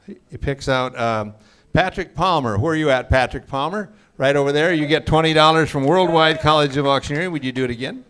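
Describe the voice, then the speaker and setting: A man hosting a class auction, calling out prize winners and joking with the crowd in a booming voice. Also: fairly bright tone, clear, resonant tone. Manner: jokey, booming crowd address. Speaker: auction host. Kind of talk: live event emcee.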